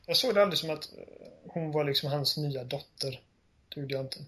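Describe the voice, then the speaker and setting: A man with a slightly high, husky voice talks through a favorite game. He retells scenes eagerly and fills his sentences with hesitations. The tone is loose and conversational. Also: sharp tone. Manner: enthusiastic, retells scenes with many fillers. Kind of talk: casual game discussion.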